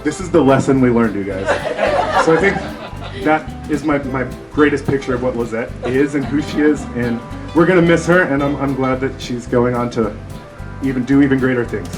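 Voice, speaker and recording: A man's voice: medium pitch, normal speed, crowd noise. A man giving a spoken tribute at a graduation ceremony, telling a story about a colleague. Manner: storytelling, chuckling often. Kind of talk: speech at a ceremony. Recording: music playing behind.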